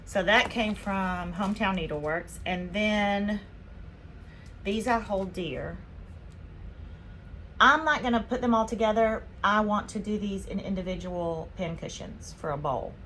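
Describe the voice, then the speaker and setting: A woman from Spain hosting a casual haul vlog, chatting excitedly as she unboxes her purchases. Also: medium pitch, measured pace, slight background noise. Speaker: vlog host.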